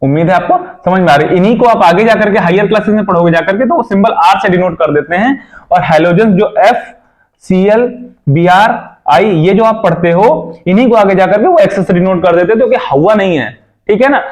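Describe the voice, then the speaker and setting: A man's voice: high-pitched, a little fast. A young man teaching a chemistry lesson, checking in with his students often and repeating his own questions.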